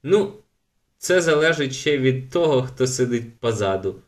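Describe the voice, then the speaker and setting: A man's voice: mid-range voice, big pitch swings, moderate pace, lightly acted. A man voicing a cheeky, teasing ten-year-old girl in a storybook reading. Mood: sly. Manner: pert, teasing.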